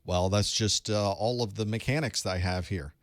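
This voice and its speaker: A man at normal speed and fairly low pitch leads a casual live stream for an online study group, greeting viewers with light jokes and giving instruction from his home studio room full of electronics. The recording is dry.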